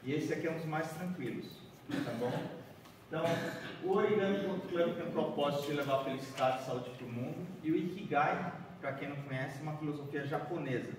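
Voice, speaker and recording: This Bahian man in his forties has a voice on the high side, heard with slight background noise. During a chatty origami workshop for a seated group in a large conference room, he walks, folds paper and keeps asking "né?" and "certo?". The echoey hall is picked up from far off by a room camera, with no visible mic.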